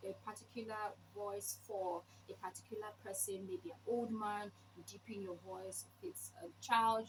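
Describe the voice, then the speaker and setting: A woman giving an informal instructional talk, explaining step by step with emphasis and rhetorical questions. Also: medium pitch. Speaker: presenter sharing read-aloud tips. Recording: clearly noisy background.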